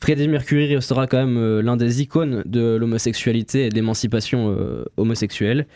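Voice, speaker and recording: A young man presenting a music history segment on the radio, halting and full of fillers. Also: medium pitch, steady tone, a little mellow, no echo, studio quality. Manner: halting, many fillers and restarts. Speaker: radio columnist. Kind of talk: reading a history segment on air.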